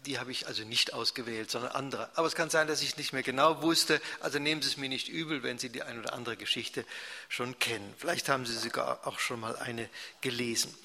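A man reading his own stories to a live audience, talking quickly and chatty with fillers. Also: mid-range voice, pushed and bright. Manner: fast talker, chatty with fillers. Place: church hall before an audience. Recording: echoey church hall.

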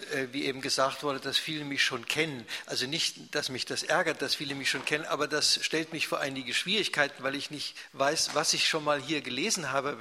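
A man reading his own stories to a live audience, talking quickly and chatty with fillers. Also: medium pitch, sharp tone, slight background noise. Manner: fast talker, chatty with fillers. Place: church hall before an audience. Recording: echoey church hall.

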